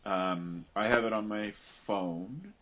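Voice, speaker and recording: A man co-hosting a casual chat podcast, upbeat and relaxed. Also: lowish voice, slow. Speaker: podcast co-host.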